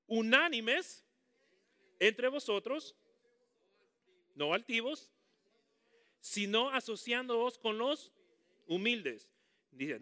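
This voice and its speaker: A man preaches with animated energy, getting his listeners to repeat key words after him. His voice sits a little high for a man, and he mixes in playful asides to the congregation. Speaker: pastor. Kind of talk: sermon.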